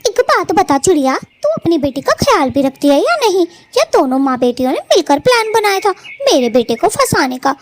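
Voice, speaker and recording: A woman voicing a proud female bird in a cartoon who taunts and scolds in a shrill voice. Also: very animated, normal speed, few pauses. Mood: scornful. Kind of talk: Hindi cartoon voice acting.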